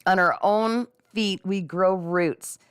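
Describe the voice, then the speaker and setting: A woman's voice: medium pitch, slow pace, smooth, no echo. Chatty middle-aged woman, dry close sound. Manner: chatty and encouraging, frequent laughs, talks straight to viewers as "guys". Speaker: livestream host and psychic reader. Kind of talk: casual live-stream chat, reading viewer comments. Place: at home with her dogs.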